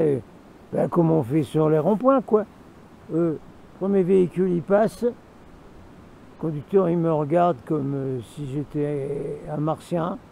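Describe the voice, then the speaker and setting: A man's voice: fairly high pitch, creaky, mellow, rough recording. A man telling a rambling, repetitive story to camera, breaking into asides with himself, with faint noise behind him. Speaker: vlogger. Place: outdoors in the mountains.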